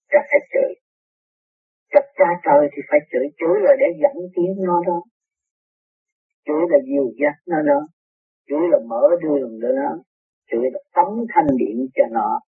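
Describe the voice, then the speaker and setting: A man's voice: fairly high pitch, creaky, slightly rough, dry recording. A man giving an emphatic, repetitive spiritual sermon to his followers. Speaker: spiritual teacher. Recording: tinny, dry, phone-like lo-fi recording.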